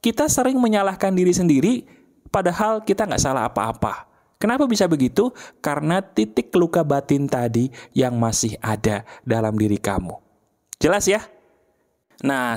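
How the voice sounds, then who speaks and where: An earnest motivational speaker giving a self-help talk, chatty and direct, who keeps asking the listener questions. The voice sits at a middle pitch. It grows gentle and unhurried when leading a moment of reflection. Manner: casual colloquial phrasing with frequent "nah" and "loh"; softer and slower for guided reflection.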